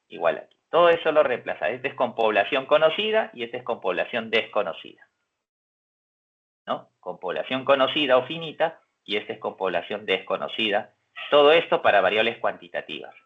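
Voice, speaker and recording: A man gives a university lecture, patiently explaining and posing questions to his students. His voice is husky and slightly breathy. The recording is muffled and lo-fi. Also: fairly low pitch, sing-song, normal speed. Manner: explains step by step, asks rhetorical questions, acts out student voices. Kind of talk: lecture on statistics. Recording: dull lo-fi recording.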